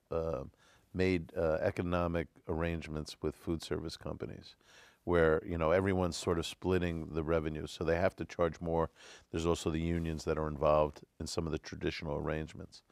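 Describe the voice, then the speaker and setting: A man's voice: a bass voice, fairly even intonation, normal speed, vocal fry, a little mellow, no room sound. A man in his forties, a restaurateur guest on a studio panel, speaking frankly and explaining with examples. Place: dark TV studio set. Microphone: lapel.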